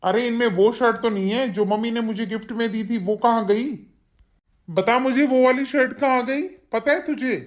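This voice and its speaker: An irritable young husband in a cartoon, voiced by one actor. He snaps, scolds and complains at a mid pitch. He sounds fed up with his wife. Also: fairly even intonation, normal speed, lightly acted. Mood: angry. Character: irritable young husband, short-tempered and rude. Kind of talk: cartoon voice acting.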